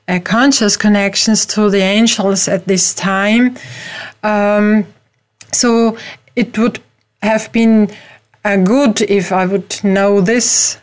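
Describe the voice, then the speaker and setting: A middle-aged Austrian woman with an Austrian German accent and a medium-pitched voice hosts a radio talk show. Her speech is slow and hesitant, with many fillers.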